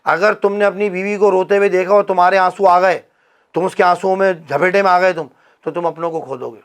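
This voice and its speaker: A high-voiced man rants his opinions in a casual comedic chat. He keeps acting out the people he quotes as he goes. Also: steady tone, a little fast, smooth. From Pakistan. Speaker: podcast host.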